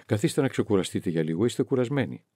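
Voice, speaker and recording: A man voicing an earnest, humble young officer who speaks softly and gently, in an audiobook reading. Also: lowish voice, animated, dry recording. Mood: gentle soothing.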